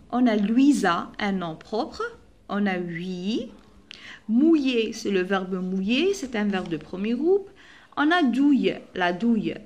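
Higher-voiced woman teacher. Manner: patient, spells out letters and repeats words. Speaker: primary school teacher. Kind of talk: recorded classroom lesson.

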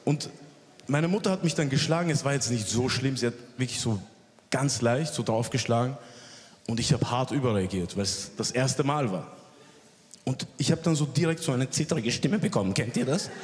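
A man from Iraq doing stand-up comedy on a live stage, telling stories and acting out his younger self with sudden high, wailing cries. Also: moderate pace. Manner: jumps to a high wailing voice to act out his crying childhood self. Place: comedy club stage before a live audience. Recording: live stage recording with hall echo and crowd.

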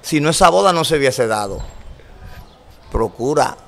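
A man's voice: on the high side, expressive, normal speed, gravelly. A middle-aged man telling a personal religious testimony in an earnest storytelling way, acting out what others said to him. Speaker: guest telling his testimony. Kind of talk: emotional spoken testimony.

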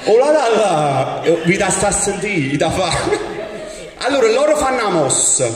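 A man's voice: high voice, sing-song, moderate pace. A man with a Neapolitan accent hosting a live show with theatrical, teasing comic banter. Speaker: stage host. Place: large frescoed hall, live show before audience. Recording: distant phone recording in echoey hall, crowd noise.

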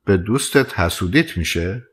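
A man voicing a gentle young woman who has lost her memory, speaking softly and teasingly in an audiobook. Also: low-pitched, animated.

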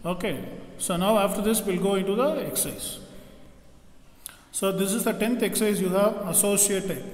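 In an echoey space with lengthy reverb, a man with a high voice and normal speed gives a grammar lesson. As a French teacher, he breaks it down step by step, classroom style.

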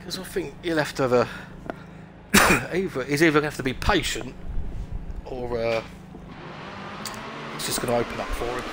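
A man's voice: mid-range voice, moderate pace, pauses often, noisy background. A man commentating live on an online car race like a motorsport commentator, calling moves in short clipped phrases.

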